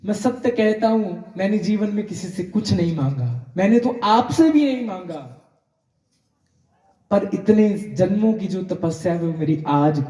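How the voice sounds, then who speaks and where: A gruff old hermit monk, as a male storyteller puts him on, curt and shooing in manner. The voice sits a little high yet sounds dark and soft-edged. It rings around an echoey room. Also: measured pace, long pauses, recorded from a distance, natural voice. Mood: tearful. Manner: brusque, shooing. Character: stern old male ascetic, gruff then devoted.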